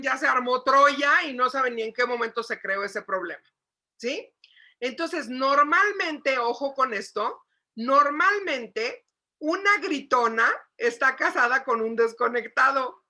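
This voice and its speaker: A woman psychologist giving a lively lecture to parents, asking the audience questions and acting out shouting. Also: sits high, slow pace. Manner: animated, asks the audience questions, acts out shouting.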